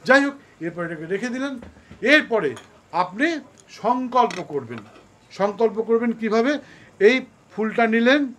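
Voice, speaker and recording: A man with a Kolkata Bengali accent teaching a worship ritual step by step, speaking slowly and chanting short prayers. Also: high-pitched, animated, fairly bright tone, slight background noise. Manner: slow, deliberate instruction with chanted prayers. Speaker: astrologer and puja teacher. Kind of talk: instructional demonstration of a ritual.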